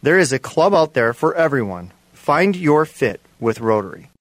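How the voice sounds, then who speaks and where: Lively male promo announcer, dry sound. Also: a little high, normal speed, dry recording. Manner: slogan-like, emphatic. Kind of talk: scripted promo read.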